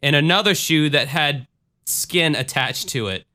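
Bright, clear-voiced casual male podcaster. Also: a little high, unhurried. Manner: informal, profane, conversational. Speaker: podcast host. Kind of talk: casual podcast talk with reading aloud.

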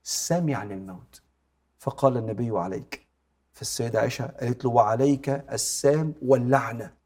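A middle-aged man with an Egyptian accent giving a religious talk, retelling a story with quoted dialogue and often dropping to a soft hush. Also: mid-range voice, a little fast. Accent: Egyptian Arabic. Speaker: preacher.

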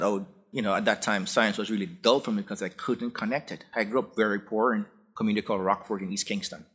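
A man in his forties with a Jamaican accent, a professor guest recounting his path in a relaxed, anecdotal way with frequent restarts. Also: fairly low pitch, slightly rough. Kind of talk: conversational interview storytelling.

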